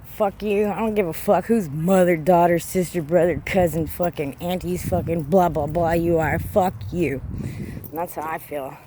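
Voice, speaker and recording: A woman's voice: on the low side, steady tone, moderate pace, warm tone, slight background noise. A woman vlogging while walking through a cemetery, ranting heatedly and swearing a lot. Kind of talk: casual walking vlog. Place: outdoors in a cemetery.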